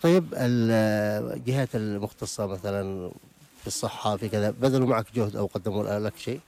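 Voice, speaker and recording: A man's voice: lowish voice, brisk, warm tone. A Yemeni man hosting a radio interview in an outdoor market, moving from formal welcomes to patient, repeated questions. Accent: Yemeni Arabic. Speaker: radio host.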